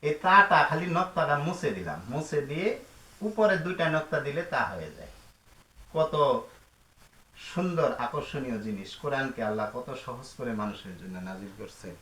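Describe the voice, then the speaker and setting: A man's voice: medium pitch, lively intonation, normal speed, pushed and bright. A man teaching Quran letters and their pronunciation, patiently repeating each sound and asking his pupils questions. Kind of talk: slow, repetitive step-by-step teaching. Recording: roomy echo.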